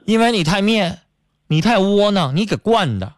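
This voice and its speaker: A man's voice: high voice, animated, moderate pace, dry recording. A man hosting a radio call-in advice show, bluntly scolding and lecturing callers. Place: radio studio.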